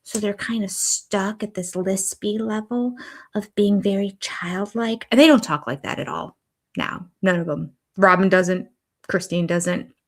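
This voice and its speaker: An older woman hosts a casual watch-along stream on YouTube, chatting about a reality show and reading viewer comments out loud. Her voice is medium-pitched and a little slow.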